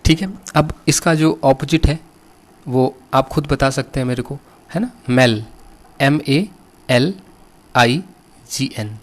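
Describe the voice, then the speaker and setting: A middle-aged man with an Indian accent teaching an English vocabulary lesson, spelling words letter by letter and asking his students questions. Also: mid-range voice. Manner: slow, patient, asks students questions.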